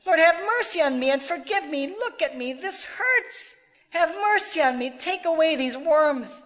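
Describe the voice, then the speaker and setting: A man's voice: animated, moderate pace, sharp tone, in a large hall, exaggerated voice, rough recording. A man voicing a worm-covered tormented woman who wails desperately for mercy. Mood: desperate wailing. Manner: shrill desperate wailing.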